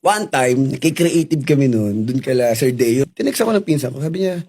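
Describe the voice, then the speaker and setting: A middle-aged Filipino-accented man candidly telling stories in an interview, animated and laughing as he acts out the dialogue. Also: mid-range voice, brisk. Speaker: interview guest.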